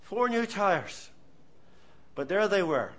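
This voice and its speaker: Slow and pitched high, this Irish preacher in his seventies works through his sermon as a tale. The tone is animated and earnest, built on heartfelt exhortation.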